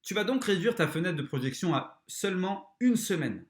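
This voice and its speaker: Brief: male podcast host, slightly high voice, blunt and crude motivational talk, echoey room. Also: sing-song, moderate pace. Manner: blunt, crude, talks straight to the listener. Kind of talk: motivational self-help talk.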